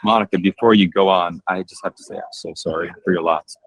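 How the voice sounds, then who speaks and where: A man with a very low, husky voice speaks candidly and with emotion, stopping and restarting as he goes. The sound is dry and close, like a video call. He hosts the group and talks openly to them. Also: steady tone, fairly bright tone, dry recording, rough recording. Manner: candid, halting, emotional, with fillers. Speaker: host of a morning group call. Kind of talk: emotional personal sharing.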